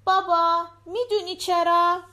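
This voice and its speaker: Curious little girl rattling off questions, a woman putting it on for an audiobook, high pitched. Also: steady tone, bright, forceful tone. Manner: chatty, questioning, quick. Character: small curious talkative girl. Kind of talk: audiobook character voice.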